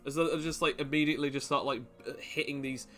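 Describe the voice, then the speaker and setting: A man narrating as game master in a tabletop role-playing game, laughing often and slipping into quick voices for side characters. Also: on the high side, fairly even intonation, bright, forceful tone.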